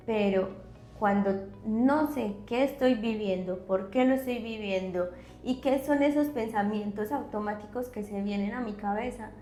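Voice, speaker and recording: A woman psychologist explaining concepts on a podcast, teacherly, often checking in with a quick question. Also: medium pitch, mellow, roomy sound, faint music behind. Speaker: psychologist guest.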